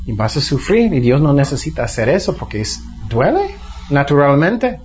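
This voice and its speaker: Guy preaching casual to a church, kinda high voice, muffled recording. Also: wildly swooping pitch, moderate pace, over music. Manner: teaching in plain words, asks the congregation questions. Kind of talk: conversational sermon. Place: church service. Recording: dull lo-fi sound.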